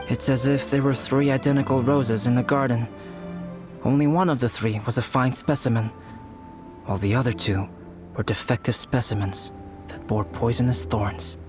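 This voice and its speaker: In a game, an actor plays a young male alchemist who is composed and thoughtful, speaking softly in a calm, measured way. His medium-pitched voice sounds close to everyday speech, and music plays underneath.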